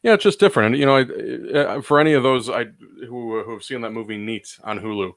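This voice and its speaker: A man hosting a live chat, speaking in a relaxed, halting way and trailing off mid-thought. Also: medium pitch, creaky, no room sound. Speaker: host. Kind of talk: casual interview chat.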